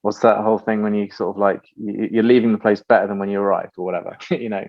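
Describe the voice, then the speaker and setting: A male guest founder talks in an animated, tangential way, often laughing mid-thought. His voice is fairly low and comes through dull lo-fi remote audio. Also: fast. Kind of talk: casual interview conversation.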